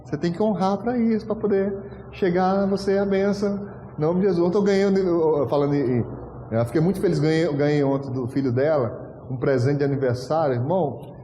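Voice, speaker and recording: A pastor preaching a storytelling sermon, animated and acting out dialogue with frequent laughter. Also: male voice, on the high side, fairly quick, slight background noise. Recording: echoey hall with long reverb.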